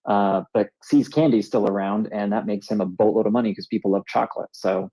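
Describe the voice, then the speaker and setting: A man's voice: lowish voice, fairly even intonation, brisk, warm tone, slightly rough, rough recording. A man co-hosting a talk show, explaining things casually as an author. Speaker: co-host and author.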